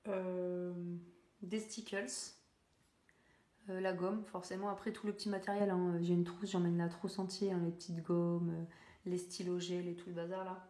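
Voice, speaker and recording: A woman's voice: lowish voice, little pitch movement, normal speed, mellow. Young woman hobby vlogger, chatty and rambling, recorded in a roomy, echoey space. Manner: rambling, many fillers and self-corrections, laughs at herself. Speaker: coloring YouTuber. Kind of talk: casual chat while coloring.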